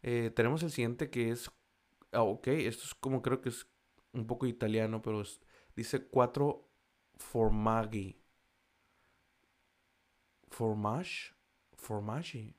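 A man's voice: medium pitch, normal speed. A man with a Mexican accent chatting casually in slangy, profane Spanish, stumbling over foreign food names as he reads a list. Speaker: vlogger. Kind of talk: casual chat reading a list.

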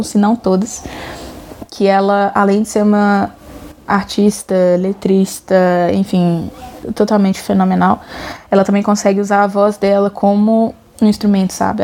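Mellow-voiced Brazilian woman discussing music. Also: medium pitch. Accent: Brazilian Portuguese. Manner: chatty, frequent "sabe?" tags, searching for words.

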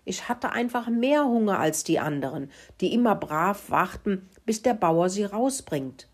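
A woman's voice: medium pitch, expressive, measured pace, voice pushed up. A woman voicing a grumpy young male pony who sulks and complains in a storybook reading. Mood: sulky. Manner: snorting, sulky complaining.

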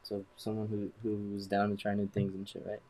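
A man's voice: lowish voice, completely flat delivery, normal speed, dark tone. A young man co-hosting a casual chat, slangy and swearing freely, calling people "bro". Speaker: podcast co-host.

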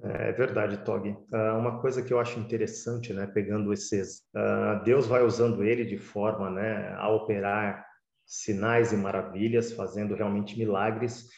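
A man's voice: lowish voice, little pitch movement, measured pace, vocal fry, a little mellow, echoey room, dull audio. A man joining a Bible discussion, affirming and conversational. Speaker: Bible study co-presenter.

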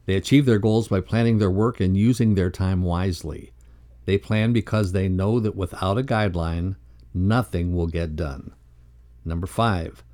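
A man co-presents a motivational podcast lesson, reading scripted text aloud in a measured, instructional manner. His voice is low-pitched and mellow.

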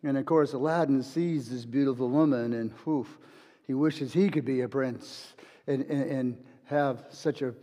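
A man's voice: mid-range voice, fairly even intonation, measured pace, warm tone. Earnest male pastor preaching in a hall. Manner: earnest, repeats words as he restarts. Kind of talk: sermon.

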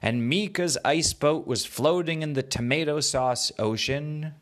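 Slow-paced man telling a children's story. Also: a little high. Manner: simple repetitive phrasing for young children. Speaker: children's storyteller, podcast host. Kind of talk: improvised bedtime story narration.

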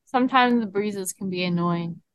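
A young woman co-hosting a podcast who leads the questions in a brisk, decisive, casual way. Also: medium pitch, no echo. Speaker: podcast co-host. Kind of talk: casual chat.

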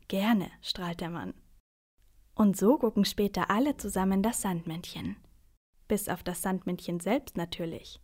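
Soft-spoken woman reading a bedtime story. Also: mid-range voice.

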